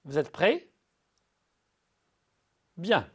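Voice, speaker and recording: A male teacher giving a recorded school lesson, speaking patiently to pupils and slowly spelling out syllables. He often repeats and restarts words. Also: a little high, big pitch swings, a little mellow, husky.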